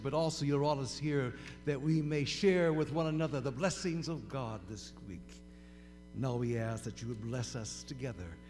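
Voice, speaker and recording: A man's voice: mid-range voice, darkish tone. A man leading a spoken prayer in church, earnest and reverent. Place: church sanctuary. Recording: reverberant church hall with faint music.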